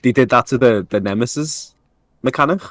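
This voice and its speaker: A man co-hosting a casual podcast, talking fast and acting out lines he quotes. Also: mid-range voice, no echo. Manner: animated, swearing, acts out quotes. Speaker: podcast co-host. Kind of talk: casual chat.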